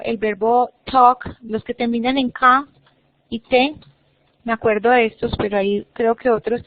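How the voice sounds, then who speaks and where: A woman with a fairly high voice leads an online English lesson, patiently walking students through each step and repeating words. The sound is dry and muffled, like a video call. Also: creaky, no echo. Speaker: English teacher. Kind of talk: online class instruction.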